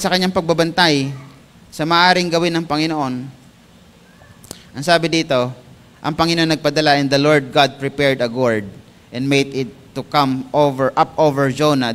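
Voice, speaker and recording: A man's voice: on the high side, a bit bright, smooth. A Filipino man preaching as a pastor, switching between Tagalog and King James English and rising to emphatic peaks. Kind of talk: sermon. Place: church. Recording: long church hall reverb.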